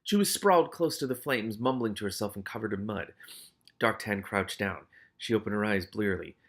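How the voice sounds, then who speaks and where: Here he speaks on the low side with a fairly bright tone and a slightly fast pace. He reads a novel aloud with dramatic, audiobook-style flair, stopping now and then for loose, exclaiming, sweary remarks on what's happening.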